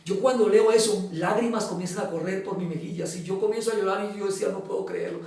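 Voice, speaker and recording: High-voiced man telling his testimony. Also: fairly even intonation, fast, creaky, darkish tone. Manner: earnest storyteller, acts out quoted dialogue, hesitant fillers. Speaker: guest giving testimony. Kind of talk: personal testimony in an interview. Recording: echoey room, mic at a distance.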